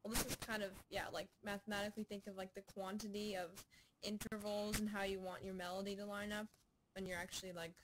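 A woman's voice: mid-range voice, flat delivery, quick pace. A woman student on a video call answering a question hesitantly with many fillers. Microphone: computer mic on a video call. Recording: noisy video-call audio.

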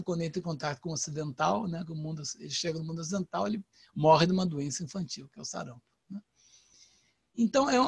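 An older Brazilian man gives an informal poetry lecture over a video call, thinking aloud with frequent restarts and "né?" tags. His voice sits fairly high and a little husky. The sound is dry and close. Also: no echo. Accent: Brazilian Portuguese. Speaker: poet and translator giving an online lecture.

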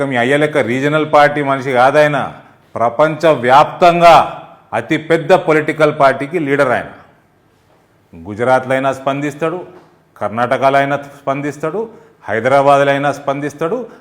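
A man, a party spokesman answering in a heated political interview, scolding and sarcastic, firing rhetorical questions. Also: medium pitch.

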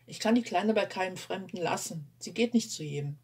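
A man's voice: sits high, lively intonation, brisk, a little mellow, breathy edge. A woman reading aloud, voicing a harried young man who snaps and growls curtly. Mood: gruff.

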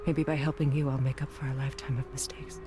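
An actress playing a guarded, weary woman sorceress in a video game cutscene, speaking calmly and with measured solemnity. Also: extremely low pitch. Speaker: game character. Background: game music.

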